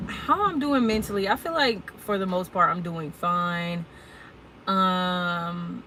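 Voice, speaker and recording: A woman's voice: lowish voice, fairly bright tone, slight background noise, poor audio. A woman in her twenties, a truck driver chatting casually and candidly to her viewers in a live Q&A, full of y'all and ums. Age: 20s. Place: at work, unloading her truck.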